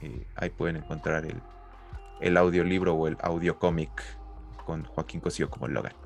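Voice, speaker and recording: A man's voice: very deep voice, steady tone, moderate pace, creaky, soft background music. A Mexican man co-hosting a podcast in casual, slangy, jokey conversation. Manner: jokey, informal. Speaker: podcast co-host.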